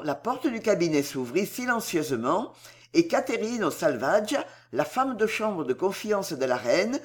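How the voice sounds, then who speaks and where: A woman reading a historical novel aloud, with expressive, dramatic storytelling. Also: fairly low pitch. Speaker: audiobook reader.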